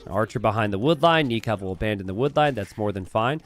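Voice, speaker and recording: In live esports commentary on a strategy game, a male caster with a fairly low, expressive voice stretches out key phrases to stress them, in classic caster style.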